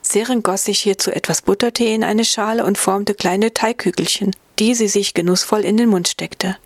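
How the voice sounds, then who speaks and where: A woman's voice: fairly even intonation, moderate pace, no room sound. Woman reading a fairy tale aloud. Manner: gentle storytelling, voicing characters with small pitch shifts. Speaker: narrator.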